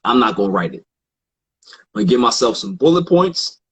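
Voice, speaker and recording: Relaxed husky man telling stories. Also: medium pitch, brisk. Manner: relaxed, quotes others in animated asides, frequent fillers. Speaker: podcast guest. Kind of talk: casual storytelling in conversation.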